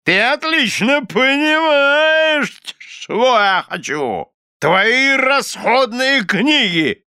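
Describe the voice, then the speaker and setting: A man voicing a blustering, bullying middle-aged husband who barks slow, loud commands. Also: very high voice, big pitch swings, clean tone, dry recording, clean studio sound, pitched above the performer's own voice, full character voice.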